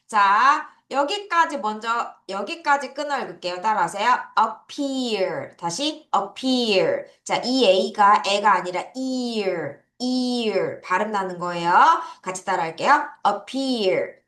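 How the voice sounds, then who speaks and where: A woman teaching English words to children, drilling them slowly and laughing now and then. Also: mid-range voice, expressive, a bit bright. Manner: slow, drawn-out drilling of words. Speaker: English tutor. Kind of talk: online vocabulary lesson for children. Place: classroom. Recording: echoey room.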